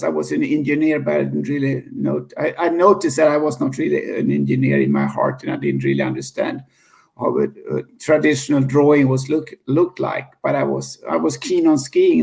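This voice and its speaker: A Swedish man in his fifties, with a Swedish accent, is a guest in a casual interview, speaking haltingly with many restarts and self-corrections and laughing easily. His voice is fairly high, creaky, and a little mellow.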